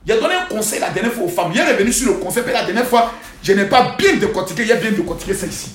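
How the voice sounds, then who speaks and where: A man hosting a live social-media monologue, scolding and preaching in loud bursts with sudden quiet asides, speaking into a phone. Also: high voice, expressive, racing. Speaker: livestream host. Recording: roomy echo.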